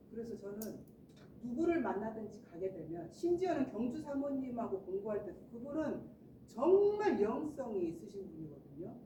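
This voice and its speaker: A woman preaching a sermon as the pastor's wife, asking her listeners questions and acting out little everyday scenes. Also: fairly high pitch. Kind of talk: sermon to a congregation. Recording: roomy echo, distant mic, noisy background.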